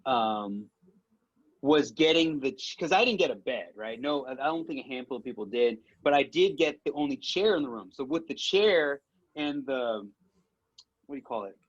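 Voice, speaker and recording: A man's voice: medium pitch, lively intonation, moderate pace, lo-fi sound. A young man in casual chat with an old friend, rambling and poking fun at himself as he tells stories. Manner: self-deprecating, rambling storyteller.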